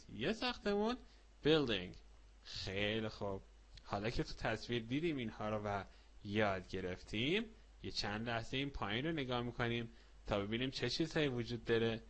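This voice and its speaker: Male children's-lesson teacher, very animated pitch, slow repeated word drills, quizzing and praising young listeners. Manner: lively, repeats each word slowly with stretched pronunciation; asks the listener questions and praises answers.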